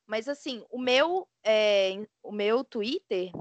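Blunt, fast-rambling Brazilian woman. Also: fairly high pitch, lively intonation. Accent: Brazilian Portuguese. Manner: rambling, blunt, talks in quick bursts. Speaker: podcast guest. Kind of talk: casual chat.

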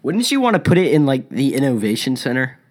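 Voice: medium pitch, very animated, quick pace, music in the background. A speaker giving casual, incredulous reaction commentary with wry asides over a cartoon.

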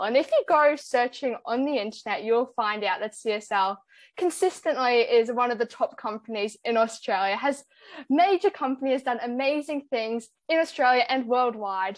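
A woman with a voice on the high side hosts a podcast, introducing her guest and asking questions in an upbeat, enthusiastic way that feels scripted. The recording is dry.

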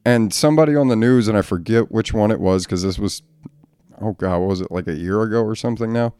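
Blunt, profane man with a low, smooth voice. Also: quick pace, dark tone, no echo, clean studio sound. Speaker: podcast host; father. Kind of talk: casual solo podcast talk.

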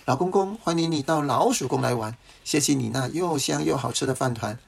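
A man's voice: mid-range voice, fairly quick, vocal fry, background noise, lightly acted. A man voicing a chorus of little mice in a children's story, chanting in a sing-song way.

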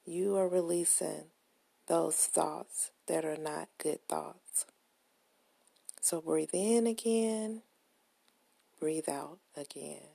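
A woman guides a relaxation meditation at a very slow pace, in a lowish, mellow voice. Her delivery is soft, gentle and soothing, with a breathy, husky grain. She sounds close to the microphone in a dry space. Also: no echo. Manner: soothing, gentle, unhurried instruction.

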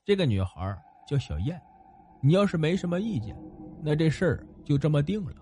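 A man doing a deep, calm old man. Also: slightly rough, soft background music. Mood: calm, commanding. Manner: low, quiet, measured.

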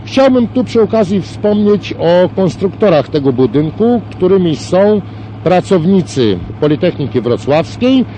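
A man's voice: sits high, big pitch swings, a little slow, warm tone, a little hiss or hum, rough recording. A man speaking as a company director in formal, official phrasing, played back from an old worn archive tape. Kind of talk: formal archive interview answers.

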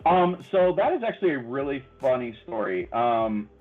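A man's voice: mid-range voice, very animated, moderate pace, narrow, tinny audio. A man in his thirties, a guest on a podcast, telling stories in a friendly way and laughing often. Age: 30s. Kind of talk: casual interview chat.

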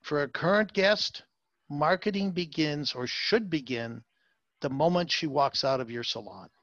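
A man's voice: on the high side, lively intonation, measured pace, a bit bright, no echo, dull audio. A man being interviewed as a salon marketing consultant, talking emphatically with many fillers and repeated words. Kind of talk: interview, advice talk.

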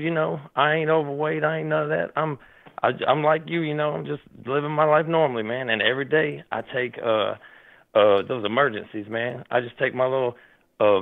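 Calling in to a talk show over a tinny phone line, a man from Tennessee sounds worked up and animated. His medium-pitched voice is raspy, hoarse and gravelly, and his casual talk rambles with lots of fillers and restarts.

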